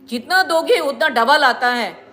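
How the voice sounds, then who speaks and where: A middle-aged woman with a high voice scolds her viewers in a long monologue. She sounds indignant and preachy and circles back to the same points again and again. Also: lively intonation, a little slow, pushed and bright. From India. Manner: indignant, lecturing, repeats herself. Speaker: vlogger.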